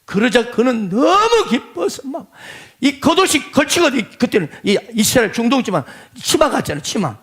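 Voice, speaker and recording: A male pastor preaching a sermon, swinging between quiet asides and shouted pleading. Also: very high-pitched, sing-song, normal speed, few pauses, husky.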